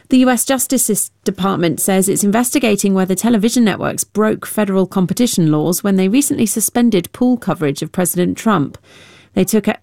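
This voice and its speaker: A woman's voice: medium pitch, a little mellow, no room sound, clean studio sound. A woman reading a scripted news bulletin as a broadcast newsreader.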